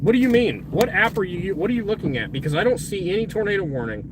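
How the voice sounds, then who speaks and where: Casual storm-chasing man in very loud wind. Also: high voice, big pitch swings, fast. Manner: informal, exclamatory, mild swearing. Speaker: storm chaser live streamer. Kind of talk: casual unscripted live stream commentary. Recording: loud wind and vehicle noise.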